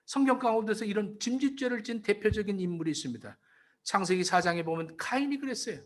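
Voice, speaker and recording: A man's voice: very high-pitched, a bit bright. A male pastor giving a sermon, stressing his points by repeating them and calling out to the congregation. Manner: emphatic, repeats key phrases to explain them; calls out to the congregation.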